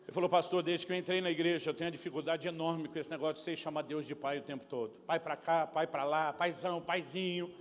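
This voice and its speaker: Fast-talking high-voiced male pastor. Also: long reverb tail, a little hiss or hum. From Brazil. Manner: animated, acts out dialogue with shifting pitch and volume. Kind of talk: storytelling sermon. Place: large church hall at a conference.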